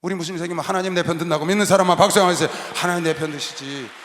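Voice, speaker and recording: A man preaching a sermon as pastor, shouting and leading the congregation in call-and-response. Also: on the high side, fairly even intonation, very fast, a little hiss or hum. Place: large arena hall. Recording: roomy long-reverb arena sound.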